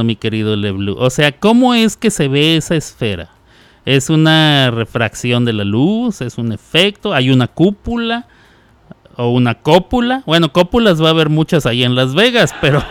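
A man's voice: fairly high pitch, a bit bright, clean tone, dry recording. A man hosting a radio show, chatting casually, teasing listeners and laughing often. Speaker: radio host.

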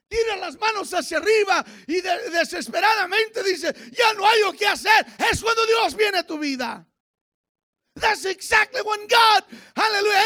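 Fervent gravelly high-voiced pastor. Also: male voice. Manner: fervent preaching, swings from quiet asides to shouted exhortation. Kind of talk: bilingual Christmas sermon.

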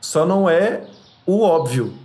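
A man with a Brazilian accent, a guest creator in a casual podcast chat, animated and laughing as he tells stories. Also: fairly high pitch, unhurried.

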